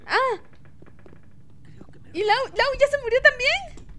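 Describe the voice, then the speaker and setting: A bubbly woman streamer with a very high, bright voice. She chats through her gameplay in an animated, playful way, and her voice keeps jumping up into yelps and laughs. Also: slow. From Mexico. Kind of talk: casual let's-play chat.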